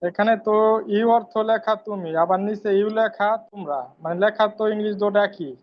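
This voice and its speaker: A man with a high voice who talks quickly, speaking up as a student in an online class. He asks his questions politely. His audio comes through dull and lo-fi from the call. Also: fairly even intonation.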